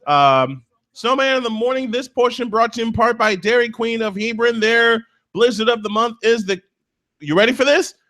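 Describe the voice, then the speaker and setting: A man hosting a live morning sports talk show, reading sponsor spots and chatting excitably while fumbling with his setup. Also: extremely high pitch, normal speed.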